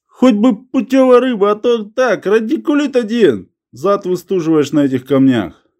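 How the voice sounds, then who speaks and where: A man voicing a grumbling, argumentative old village man who likes to give advice, in a clearly higher voice than his own. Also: sing-song, a little mellow, exaggerated voice. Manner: cranky, bossy, quick to give advice.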